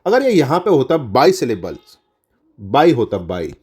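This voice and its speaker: Guy teaching nursing exam prep, middle pitch, keeps repeating the answers, fixes his slips as he goes. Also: huge pitch swings, measured pace, darkish tone, husky. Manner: repeats key answers and corrects himself mid-sentence; mixes English terms into Hindi explanation.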